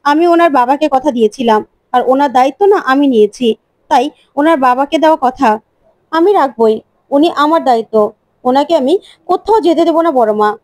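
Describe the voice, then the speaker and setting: A woman's voice: high-pitched, fairly quick, darkish tone, no room sound, close to an everyday voice. A woman voicing an earnest, puzzled young husband. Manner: puzzled questioning.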